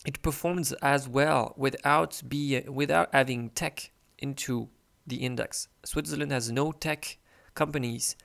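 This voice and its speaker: Tired, gravelly-voiced man talking stocks. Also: mid-range voice, fairly even intonation, unhurried, fairly bright tone. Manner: hesitant, many uh fillers, non-native phrasing. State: tired morning voice. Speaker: finance video host. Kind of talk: casual market commentary over screen share.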